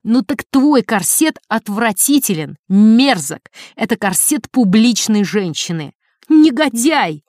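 A woman's voice: medium pitch, animated, normal speed, a little mellow, dry recording, clean studio sound, lightly acted. A woman reading as a husband who coaxes and pleads with his angry wife. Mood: outraged. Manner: coaxing, pleading. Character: fawning, pleading husband, a gentleman. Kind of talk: audiobook character reading.

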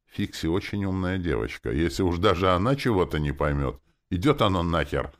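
A man doing a gruff orc who growls his words and swears freely, with a gravelly, creaky edge to the voice. The delivery swings up and down with lively intonation. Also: low-pitched, fairly quick, voice pushed up. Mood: grumbling. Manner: growling, cursing. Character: gruff grumbling male orc casino manager.

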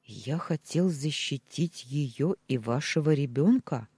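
A man's voice: on the high side, slow, darkish tone, husky, dry recording, exaggerated voice. A man doing a stammering flustered doctor. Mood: hesitant. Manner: hesitant, stammering.

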